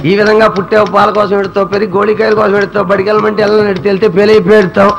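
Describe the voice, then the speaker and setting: A man's voice: high-pitched, level tone, very fast, gravelly, music in the background, low-quality recording. A man telling a satirical harikatha in a Coastal Andhra Telugu accent, theatrical and humorous, slipping into song. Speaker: harikatha performer. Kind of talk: satirical harikatha storytelling with sung verses.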